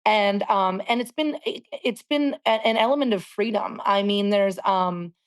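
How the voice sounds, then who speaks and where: Woman in her 40s, singer guest, candid and reflective, mid-pitched voice. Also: moderate pace, clear, resonant tone. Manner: reflective, searching for words. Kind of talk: candid interview talk.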